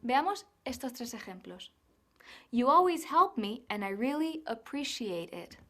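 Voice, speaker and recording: Female English teacher, slightly high voice, slow scripted lesson delivery. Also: sing-song. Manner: slow, careful, models English phrases.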